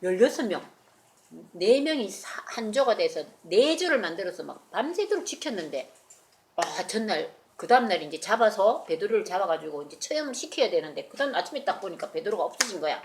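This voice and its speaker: A woman's voice: mid-range voice, fairly quick. A woman telling a Bible story in a children's sermon and asking the children questions. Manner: animated, asks the children questions.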